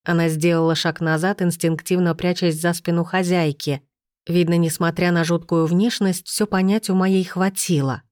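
A woman narrating a first-person novel in an even, expressive reading on a close mic. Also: fairly low pitch, normal speed, no echo. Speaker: audiobook narrator.

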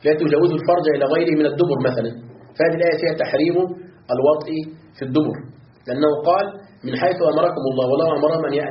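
A man, a sheikh, teaching a lesson on scripture commentary, reciting verses and asking his students questions he then answers himself. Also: on the high side. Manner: recites verses, repeats words to drill them. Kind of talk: classroom lesson explaining a text. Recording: dull, echoey room with faint hiss.

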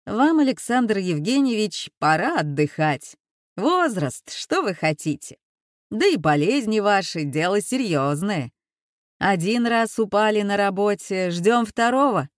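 A man's voice: sits high, expressive, unhurried, dry recording, clean studio sound, voice pushed up. A woman voicing a smug, condescending male university rector in an audiobook, patronizing and falsely cheerful. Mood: smugly patronizing. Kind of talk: audiobook reading.

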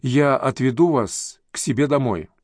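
A man doing a calm, kindly doctor. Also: mid-range voice, unhurried, no echo, studio quality, lightly acted. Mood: reassuring. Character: calm, kindly middle-aged male doctor.

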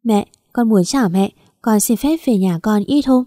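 A woman's voice: mid-range voice, normal speed, mellow, no room sound, clean studio sound, close to an everyday voice. A woman voicing an unhappy young wife, tearful and pleading. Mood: meek.

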